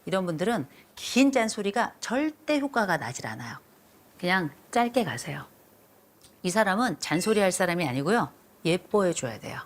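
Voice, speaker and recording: A woman's voice: lowish voice, sing-song, moderate pace. A middle-aged woman counseling a couple on television, stern and lecturing, repeating her instructions firmly. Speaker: marriage counselor. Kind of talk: blunt counseling session on TV.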